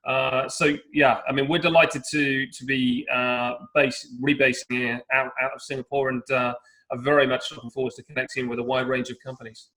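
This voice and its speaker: A man from London speaking on a panel discussion over a video call, measured, with frequent restarts and hedges. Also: medium pitch, level tone, pushed and bright, poor audio. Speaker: panelist, startup founder.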